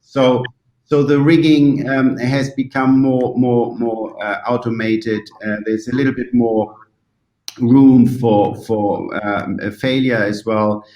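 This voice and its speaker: A man with a German accent, a native German speaker, giving thoughtful interview answers haltingly, searching for words as if translating in his head. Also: medium pitch, level tone, darkish tone, muffled recording. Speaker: interview guest from the yachting industry. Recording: roomy, echoing sound.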